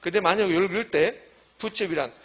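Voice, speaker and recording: A man's voice: high voice, racing, a bit bright. A middle-aged man lecturing a class for a real estate exam, repeating key points emphatically as he works through examples on the board. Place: classroom with a blackboard.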